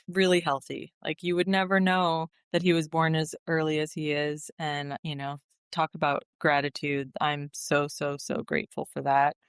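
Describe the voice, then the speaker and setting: A woman's voice: deep voice, smooth, no echo, clean studio sound. A woman in her thirties, a podcast guest, telling a personal story earnestly and emotionally, with many fillers and restarts.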